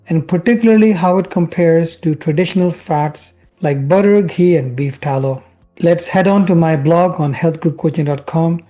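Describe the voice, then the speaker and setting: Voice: mid-range voice, warm tone. A presenter from India who is a physician, explaining research in a scripted science show host manner with rhetorical questions and emphatic key words. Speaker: family physician presenting health videos.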